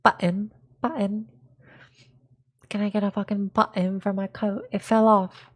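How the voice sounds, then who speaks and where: Woman doing a crude British caricature, British accent, middle pitch, blunt and sweary. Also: little pitch movement, unhurried, natural voice. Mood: irritated. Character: crude swearing British person asking for a coat button.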